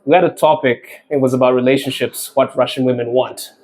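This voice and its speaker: A man's voice: medium pitch, steady tone, fairly quick, darkish tone. A man hosting a podcast, asking curious questions casually and laughing often. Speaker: podcast host. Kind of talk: casual interview chat.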